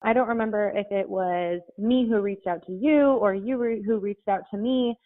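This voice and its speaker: Friendly young woman guest, mid-pitched voice, heard over a thin phone-like line. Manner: friendly, quick to laugh. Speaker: podcast guest. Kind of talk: casual interview chat.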